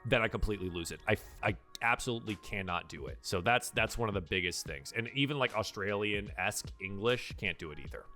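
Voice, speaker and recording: This man's fairly low voice moves with lively intonation, fast and with hardly any pauses, in a sharp tone over faint music. He's a professional dungeon master hosting a casual livestream advice chat, speaking emphatically and repeating things for stress.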